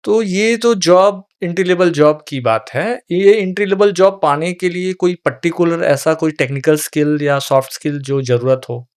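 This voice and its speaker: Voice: mid-range voice, normal speed, hardly any pauses, a little mellow, clean tone. Host, mid-range voice, brief plain questions to a guest. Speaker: interview host. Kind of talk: interview questions.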